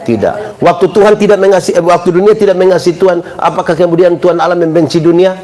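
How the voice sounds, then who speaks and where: A man's voice: high-pitched, fast, a crowd in the background. A male pastor preaching a live sermon, joking and quizzing his congregation with call-and-response questions. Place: church service. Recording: live church recording with congregation and room noise.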